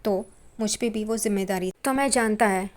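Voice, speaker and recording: Woman voicing a weary older man, retired driver, calm, quiet, tired. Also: mid-range voice, normal speed, lightly acted.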